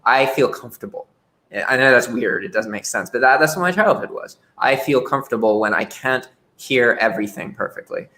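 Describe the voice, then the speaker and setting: A man's voice: medium pitch, animated, brisk, pushed and bright. A young man talking frankly as a podcast guest, often repeating words as he starts a sentence. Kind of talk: casual interview chat.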